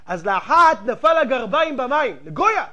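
A rabbi preaching a fiery sermon in a very high voice for a man. He fires off rhetorical questions and swings between loud outbursts and hushed asides. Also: sing-song, muffled recording.

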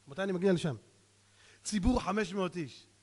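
A man, a rabbi, giving a humorous sermon full of acted-out dialogues, now and then breaking into loud shouts. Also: high voice, breathy edge. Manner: jokey storyteller acting out dialogues, bursts into shouting. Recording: long hall reverb.

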